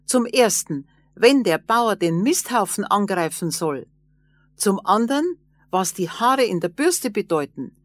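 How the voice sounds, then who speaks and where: A woman's voice: mid-range voice, big pitch swings, a little slow, no echo. A woman doing a stern little wood-man spirit. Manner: stern, scolding, calls out.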